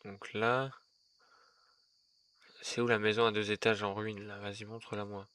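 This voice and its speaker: A man streaming a horror game, commenting live and jumpy, swinging from muttering to yelling slang. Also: lowish voice, level tone, measured pace, clean tone, dry recording.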